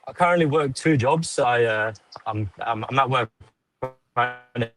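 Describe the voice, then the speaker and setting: A man's voice: medium pitch, over music, poor audio. Hesitant man on a glitchy call. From Australia. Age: 20s. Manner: hesitant, halting, many fillers. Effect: caller heard over a glitchy live video call connection. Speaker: caller on a live stream.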